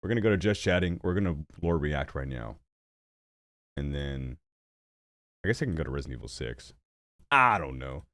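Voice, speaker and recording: At a moderate pace with frequent pauses, a young streamer and gaming channel host chats casually while playing, rambling and poking fun at himself. Stuffy-nosed and hiccuping, he's animated with sudden pitch jumps. The sound is clean studio audio with no room sound.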